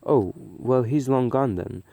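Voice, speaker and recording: A man's voice: takes it slowly, gravelly, dry recording, narrow, tinny audio. A man voicing a surly, bitter older bald man in pain who complains and screeches. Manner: complaining, shrill when upset.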